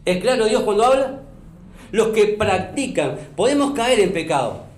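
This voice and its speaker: A man's voice: sits high, very animated, moderate pace, darkish tone, a little hiss or hum. A man preaching a sermon as pastor, emphatic, repeating phrases and asking the congregation questions. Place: church hall. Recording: echoey church room.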